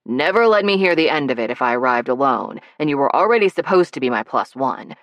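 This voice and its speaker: Playful, persuasive grown man with a low, dry delivery and a wheedling streak, read by a woman narrator. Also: lively intonation, no room sound. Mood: eager. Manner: wheedling, good-humored, rushed when nervous. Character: charming playful adult man, teasing and persuasive.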